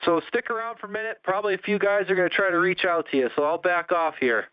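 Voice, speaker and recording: High-pitched man on crackly two-way radio. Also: fast talker. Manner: crackly radio-operator talk, directing callers. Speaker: radio net host. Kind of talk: casual CB radio net chat. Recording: dull, band-limited two-way radio.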